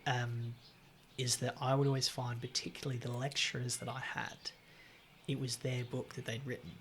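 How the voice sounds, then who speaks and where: Sweary, animated man. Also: medium pitch, moderate pace, slightly rough. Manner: blunt, sweary, animated storyteller. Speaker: podcast guest. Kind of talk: casual chat.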